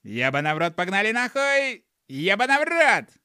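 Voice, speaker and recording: A man's voice: on the high side, very animated, unhurried, bright, forceful tone, dry recording, studio quality, exaggerated voice. A man voicing a foul-mouthed, hot-tempered male gnome who grumbles and swears constantly in an audiobook. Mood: excited. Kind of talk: audiobook character voice.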